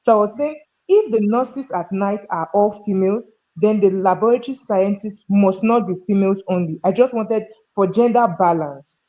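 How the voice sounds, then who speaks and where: Warm in tone, with a mid-range voice and moderate pace, this HR professional from North Central Nigeria speaks as a talk show guest. She mixes conversational storytelling with opinions in the discussion, speaking emphatically in a Nigerian accent and leaning on rhetorical questions.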